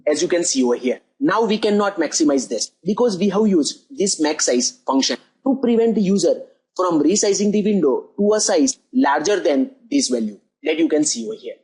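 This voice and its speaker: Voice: medium pitch, animated, a little fast, darkish tone, husky, poor audio. A coding tutor talking through a screen-recorded programming lesson step by step, often repeating "as you can see over here".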